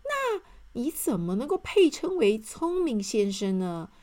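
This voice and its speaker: A woman voicing a cheerful, excitable man in a children's storybook who loves jokes, with a bubbly, eager manner. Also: high-pitched, moderate pace, pitched above the performer's own voice.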